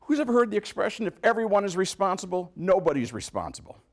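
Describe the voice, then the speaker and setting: A man's voice: high voice, fast talker. A man giving a motivational talk at a business meeting, asking the audience questions and acting out quotes. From New York. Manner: animated, asks the audience questions, acts out quotes. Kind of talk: motivational speech.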